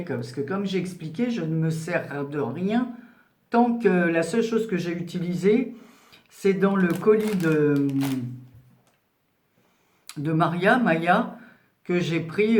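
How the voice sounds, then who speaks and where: A woman's voice: on the low side, darkish tone, reverberant, a little hiss or hum. A woman in her sixties chatting casually to her viewers as she unboxes craft parcels, rambling along with many fillers. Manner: rambling and chatty, full of "voilà" and "donc". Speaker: craft channel host. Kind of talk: casual unboxing chat to camera.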